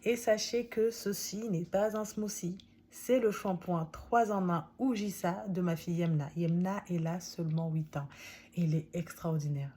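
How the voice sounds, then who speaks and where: Speaking directly to her audience on camera, a non-native French speaker in her thirties casually presents a summary of a book. Her voice sits lowish, mellow with a breathy edge. She comes across as chatty and laughs a lot.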